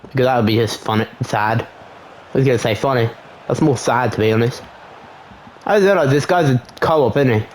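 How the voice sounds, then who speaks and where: A young man casually commentating his own football video game match, chatty and self-mocking, getting excited at goals. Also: mid-range voice, normal speed, long pauses, slight background noise. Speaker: gaming channel host.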